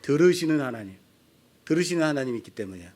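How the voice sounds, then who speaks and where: A man, a pastor, preaching a sermon in an animated way, bursting into quoted voices. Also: medium pitch, racing.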